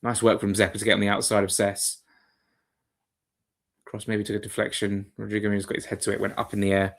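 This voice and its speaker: A man hosts a live football watchalong, giving chatty, rambling play-by-play commentary and tossing asides to his viewers. His voice is fairly low and monotone, and he talks at a quick pace.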